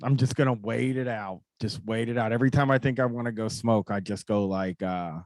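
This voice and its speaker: A man's voice: mid-range voice, brisk, darkish tone, no room sound, studio quality. An American man hosting a call-in show, talking in a casual, rambling, informal way with some swearing.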